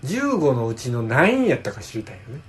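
Kansai man, podcast co-host, animated teasing banter. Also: mid-range voice. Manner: teasing, quick retorts. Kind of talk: casual chat.

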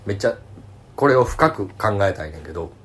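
Man, 30s, Kansai accent, casual podcast chat, animated storyteller, swooping pitch. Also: a little fast, a little hiss or hum. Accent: Kansai Japanese. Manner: animated storyteller, laughs often, acts out coworkers' voices. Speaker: podcast co-host.

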